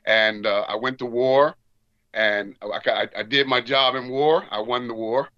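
Middle-aged American male, veteran recalling his life as interview guest. Bright, punchy, earnest delivery, close dry sound. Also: medium pitch, fairly even intonation, a little slow, smooth, no echo, dull audio. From Washington, D.C., United States. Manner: veteran reminiscing about life. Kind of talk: conversational interview storytelling.

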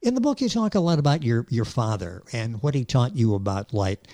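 A man's voice: mid-range voice, sing-song, fairly quick, mellow, dry recording. A man hosting a radio interview in a conversational style on a close studio mic.

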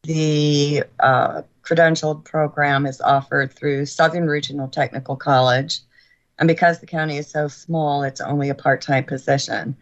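An older woman speaking as a guest in a radio interview, earnest and grateful, with halting restarts, her voice sounding as if taped off the radio. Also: low voice, fairly even intonation, dull audio. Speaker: guest author.

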